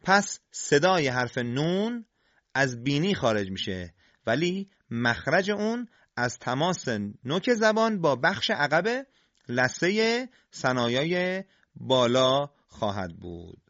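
A man with a slightly high voice gives a deliberate, step-by-step pronunciation lesson and pauses to sound out each letter. The recording is dry and a little dull and lo-fi. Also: very animated, fairly bright tone, no room sound. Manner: slow, deliberate, demonstrates sounds. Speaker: Quran recitation teacher. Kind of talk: scripted instructional lesson on tajweed.

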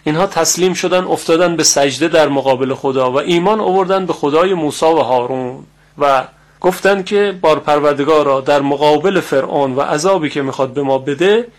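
A middle-aged man with a slightly raised voice gives a religious lesson on recitation. He speaks slowly and deliberately, repeating words carefully so listeners can copy their sounds. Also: fairly high pitch. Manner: slow, deliberate, repeats Arabic words to model pronunciation. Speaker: Quran recitation teacher.

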